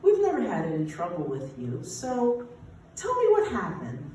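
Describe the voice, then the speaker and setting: A woman quoting a calm school principal. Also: fairly low pitch, moderate pace, a little hiss or hum. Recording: very echoey, from far off.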